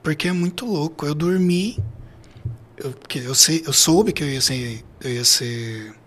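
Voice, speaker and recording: A middle-aged Brazilian man with a hoarse, gravelly voice, telling a personal story as an interview guest in a halting, emphatically repetitive way. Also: a little high, a bit bright. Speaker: podcast guest.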